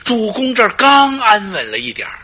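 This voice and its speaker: A man's voice: high-pitched, big pitch swings, takes it slowly, pushed and bright, husky, pitched above the performer's own voice, exaggerated voice. A man voicing a group of fretful male court officials who grumble and plead in exasperation. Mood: exasperated.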